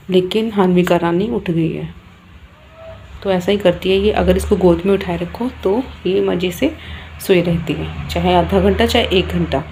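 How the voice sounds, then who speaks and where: A young woman vlogging casually about her day with her children, sounding tired and sleepy, keeping her voice soft so the baby stays asleep. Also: lowish voice, vocal fry, slight background noise. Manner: chatty, talking softly to avoid waking a baby. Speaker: vlogger, mother. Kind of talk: casual family vlog talk. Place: outdoors on a home rooftop.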